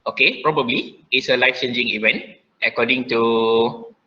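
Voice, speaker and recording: A man's voice: mid-range voice, fairly even intonation, moderate pace, sharp tone, muffled recording. Malaysian man teaching an online class. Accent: Malaysian English. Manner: frequent "okay" fillers, repeats instructions.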